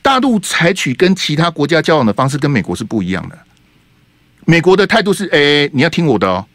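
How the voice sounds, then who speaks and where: With a fairly high pitch and a fast pace, a middle-aged man hosts a radio talk show in the studio, captured in a dry recording. He delivers animated political commentary full of rhetoric, his sentences studded with 哈 and 啊.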